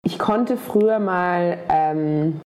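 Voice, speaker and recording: A woman chatting casually as a podcast guest in German coloured by a slight American accent, with a creaky voice. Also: fairly low pitch, extremely slow, darkish tone. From Franconia, Germany. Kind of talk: casual chat. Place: holiday apartment by the sea. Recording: clearly noisy location recording.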